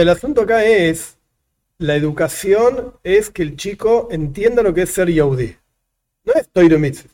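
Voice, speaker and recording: A rabbi teaches a religious text, reading a line in Hebrew and then explaining it in Spanish with repeated examples. His voice is mellow and fairly high.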